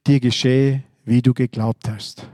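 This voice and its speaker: A man in a sermon quoting Jesus in a slow, quiet, solemn voice. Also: medium pitch, flat delivery, no room sound, clean studio sound, pitched below the performer's own voice, close to an everyday voice. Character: calm authoritative Jesus, grown man.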